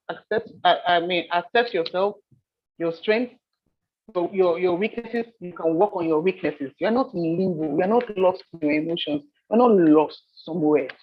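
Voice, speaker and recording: A woman from Nigeria leading a soft skills training session, telling stories with animated repetition. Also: medium pitch, lo-fi sound. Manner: animated storyteller, repeats phrases. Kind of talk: training seminar talk.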